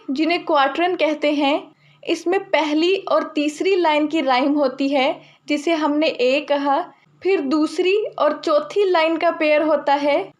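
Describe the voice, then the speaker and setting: A young woman with a high, light voice gives a literature lesson. She explains steadily and methodically, restating each new term in simpler words for her students. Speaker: literature teacher. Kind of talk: explanatory lecture.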